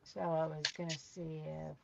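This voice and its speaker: A woman chatting casually on a livestream, her voice coming through a low mic with noise suppression switched on and trailing off mid-sentence. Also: little pitch movement, normal speed, creaky, highs cut off. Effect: noise suppression on the mic, low and processed sound. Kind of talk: casual chat.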